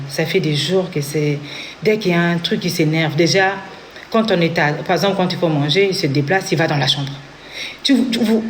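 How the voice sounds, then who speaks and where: Woman, congolese french accent, earnest personal testimony, acts out quoted voices, faint background noise. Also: low-pitched. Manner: earnest storytelling, acting out what others said. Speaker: interviewee giving a testimony.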